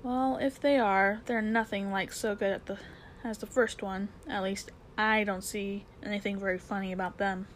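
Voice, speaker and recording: A woman voicing a lazy, unimpressed panther who drawls slowly. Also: medium pitch, steady tone, slight background noise, natural voice. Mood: bored. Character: bored, lazy panther washing its face.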